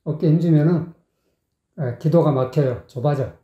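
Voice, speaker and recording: Singing teacher doing a vocal lesson, sings lines slow then explains quick, tinny roomy sound. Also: mid-range voice. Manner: sings short phrases slowly, then explains in quick, plain speech; often checks with the learner by asking "you get it?". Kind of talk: vocal lesson with sung demonstrations. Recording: echoey, tinny phone-like sound.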